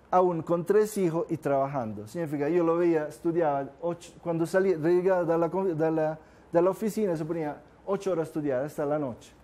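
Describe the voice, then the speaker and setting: A man's voice: a little high, dark tone. An older man from southern Italy, a native Italian speaker, gives an informal seminar talk to a class and keeps asking the room questions. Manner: conversational, asks the room questions often. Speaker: course speaker.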